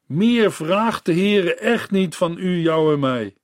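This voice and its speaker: A man narrating a story in a radio Bible broadcast, reading in a measured, earnest way and turning to the listener. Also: sits high, lively intonation, no room sound, studio quality.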